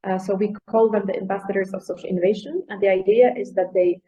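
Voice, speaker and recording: A woman's voice: mid-range voice, steady tone, quick pace, dark tone. A woman giving an informal webinar presentation, hesitant and often searching for words. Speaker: project presenter. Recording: dull lo-fi webinar audio.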